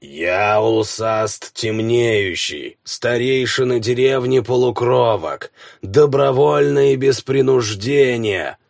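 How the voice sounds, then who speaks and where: A man voicing a dying old male warlock, a village elder who speaks in slow, wheezing, strained phrases. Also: mid-range voice, gravelly, darkish tone, no room sound, clean studio sound. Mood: solemn, fading. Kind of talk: audiobook character voice.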